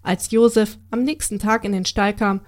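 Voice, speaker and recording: A woman's voice: medium pitch, moderate pace. Woman reading a children's story. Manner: calm, expressive storytelling. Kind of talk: children's story read aloud.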